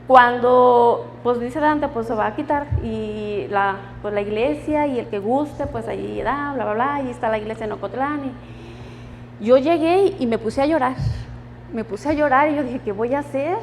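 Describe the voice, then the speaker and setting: In a large church hall, a woman shares her personal testimony, emotional and often laughing as she quotes what God and her friends said. She has a high voice, with slight background noise.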